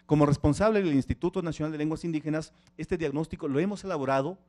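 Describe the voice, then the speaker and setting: A middle-aged man whose first language is Tzeltal gives a lively conference talk. His voice sits a little high, and he keeps turning to the audience with questions. He speaks in a conference hall. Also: quick pace. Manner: engaging, asks the audience questions. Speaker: panel speaker.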